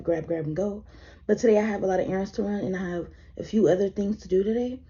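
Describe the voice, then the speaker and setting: Filmed at her desk with dull lo-fi camera audio, a worn-out 21-year-old chats rambling through a get-ready-with-me video, swearing casually. Her voice is dark and slightly rough, a bit deeper than normal because she's tired.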